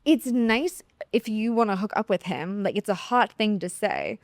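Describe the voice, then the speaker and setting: A woman's voice: medium pitch, lively intonation, normal speed, no room sound, studio quality. A woman co-hosting a podcast in casual chat, gushing and restarting her sentences, full of fillers. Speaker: podcast co-host.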